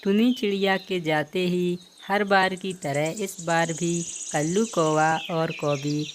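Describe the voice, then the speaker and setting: Low-voiced woman narrating a cartoon story. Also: steady tone, takes it slowly, a little hiss or hum.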